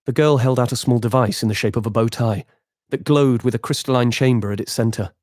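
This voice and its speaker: A man narrating a game epilogue as game master, with measured, dramatic storytelling. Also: mid-range voice, a little mellow, dry recording, studio quality.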